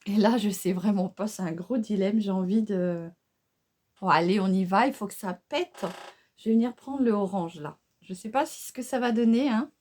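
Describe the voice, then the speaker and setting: Woman, casual makeup tutorial, mellow warm voice, chatty, hesitant fillers, asks viewers for advice. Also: medium pitch, moderate pace. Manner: excited exclamations over the colors. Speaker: beauty vlogger.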